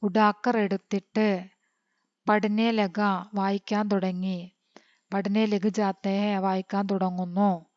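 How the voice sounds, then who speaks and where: A woman from teaching an online lesson, reading text slowly and then quickly glossing words one by one. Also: mid-range voice, flat delivery, a little mellow, no room sound. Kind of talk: online Hindi lesson explained in Malayalam. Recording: dull lo-fi sound.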